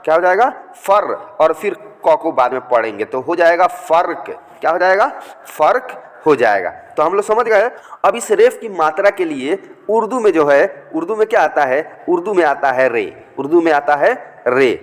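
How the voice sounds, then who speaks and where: A man teaching a reading lesson, patiently repeating words and sounding out syllables slowly. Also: a little high, animated, long reverb tail.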